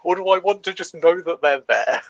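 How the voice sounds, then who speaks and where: A man's voice: sits high, expressive, a little fast, vocal fry, dry recording, highs cut off. A man playing a tabletop game, stammering as he thinks his options through aloud. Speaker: player.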